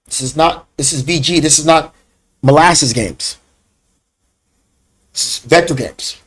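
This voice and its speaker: A man hosting a live trading class, talking bluntly and scolding viewers by name, with drawn-out loud emphasis when he calls people out. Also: fairly high pitch, husky. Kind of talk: live stream trading lesson.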